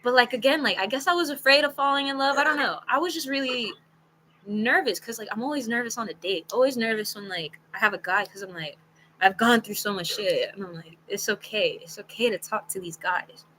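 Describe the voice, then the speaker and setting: A young woman tells a personal story straight to camera, chatty and frank, with "like" scattered through every sentence. Her voice sits a little high and sounds sharp and bright. A faint hiss runs underneath. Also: a little fast, poor audio. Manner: chatty, animated and frank, heavy on "like" and swearing. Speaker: storytelling video creator. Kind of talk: casual story-time monologue.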